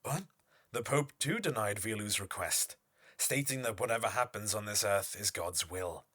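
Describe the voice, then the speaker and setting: In an audio horror drama, a male actor plays a pompous typeface designer obsessed with his craft, giving a formal, theatrical monologue. His lowish voice is sharp with a breathy edge, and the performance is heavily acted.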